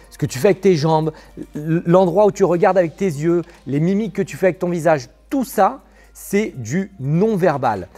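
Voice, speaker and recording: A man teaching self-defense straight to the viewer, stressing key words and checking in with quick questions. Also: on the high side, a little mellow. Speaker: krav maga instructor. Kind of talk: direct-address video lesson.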